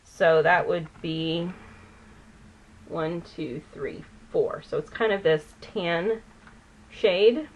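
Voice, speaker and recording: A woman's voice: fairly low pitch, very slow, pauses often, highs cut off. A woman vlogger chatting casually while doing her makeup, rambling and often losing a word mid-sentence. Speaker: beauty vlogger. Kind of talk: chatty get-ready-with-me.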